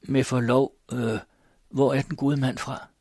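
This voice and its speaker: A fussing old country widow bustles about her guest in a raised, lifted voice, as a male reader puts her on. Her tone is husky and close, and grief sits under her hurried hospitality. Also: mid-range voice, flat delivery, darkish tone, no room sound, voice pushed up, close to an everyday voice. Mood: fussing hospitable. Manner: fussing, eager, tearful. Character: grieving old peasant mother, hospitable and fretful.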